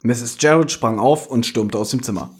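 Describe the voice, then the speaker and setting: A podcast host reading a detective gamebook aloud, breaking off for joking, chatty asides. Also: male voice, mid-range voice, moderate pace, noisy background.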